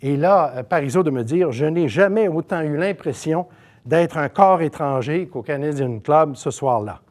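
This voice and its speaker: A man's voice: fairly high pitch, animated, normal speed, a little mellow. A middle-aged man from Saguenay with a Québécois accent, giving a conversational seminar lecture with many asides and fillers. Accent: Québécois French. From Saguenay, Quebec. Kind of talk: storytelling lecture.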